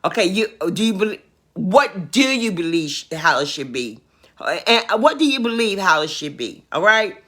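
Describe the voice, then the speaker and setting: A woman's voice: medium pitch, sing-song, moderate pace, fairly bright tone. A woman hosting a casual opinion livestream, reading viewer comments aloud and answering them emphatically, often repeating her points and asking questions.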